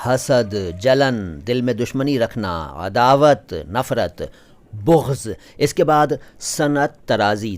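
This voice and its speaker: A man hosting a travel vlog, explaining word meanings and carefully drawing out each word's pronunciation in a patient, teacherly way. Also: mid-range voice. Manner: slow, careful drawn-out pronunciation of words; patient explanatory delivery listing synonyms.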